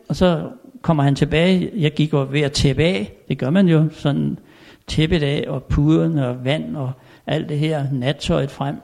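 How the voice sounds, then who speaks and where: An older man telling anecdotes in a chatty way, chuckling often and filling pauses. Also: fairly high pitch, vocal fry, darkish tone. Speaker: storyteller. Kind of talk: anecdotal storytelling.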